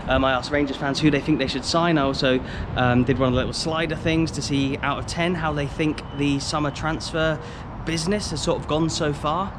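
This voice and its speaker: A man's voice: a little high, steady tone, fairly quick, background noise. Chatty young man vlogging on football. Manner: chatty, rambling with fillers. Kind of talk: casual vlog talk to camera.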